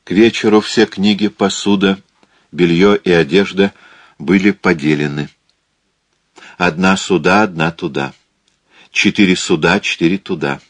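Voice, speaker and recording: Male audiobook narrator, very low voice, slow measured reading, dry studio. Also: no room sound. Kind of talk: scripted literary narration.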